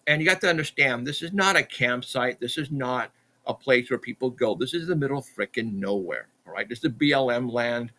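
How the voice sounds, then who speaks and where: Excitable man telling a wild story. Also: mid-range voice, fairly quick. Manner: excitable, repeats himself, acts out dialogue. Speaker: podcast guest, Bigfoot researcher. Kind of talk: animated storytelling.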